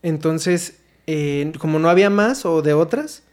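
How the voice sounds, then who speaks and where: A young Mexican man with a high-pitched voice tells a story among friends. He talks in loose, slangy, profane bursts and slips into acting out the quotes. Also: expressive, a little slow, a little mellow, clear, resonant tone. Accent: Mexican Spanish. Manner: slangy, swears a lot, acts out quotes. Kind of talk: casual chat.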